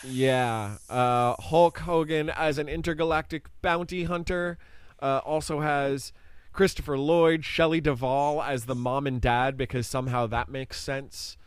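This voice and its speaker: A man in his forties chats casually on a podcast, rambling with fillers in a laid-back way. His voice sits at an ordinary middle pitch. The recording is dry and close, with no room sound. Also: steady tone, a little slow, clean tone, no echo. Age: 40s. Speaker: podcast co-host. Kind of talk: casual chat.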